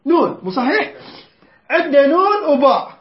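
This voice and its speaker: A very high-voiced teacher gives his students a tajweed lesson in a sing-song manner. He tests them, fixes how each word is pronounced and recites verses in a slow, drawn-out way, all in a roomy, slightly dull recording.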